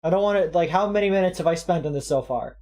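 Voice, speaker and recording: A woman's voice: on the low side, expressive, fast, dark tone. A woman in a casual video game playthrough, chatting and reading aloud from the game.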